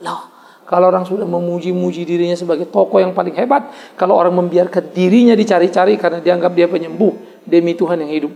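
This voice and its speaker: A man preaching a sermon as a pastor, emphatic, with repeated refrains and sudden leaps in pitch. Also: steady tone, quick pace, vocal fry, dark tone, long reverb tail, dull audio.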